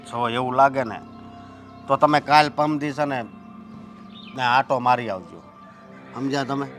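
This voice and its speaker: A young man playing a son who calmly soothes and reasons with his upset mother. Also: medium pitch, unhurried, soft background music, lightly acted. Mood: reassuring.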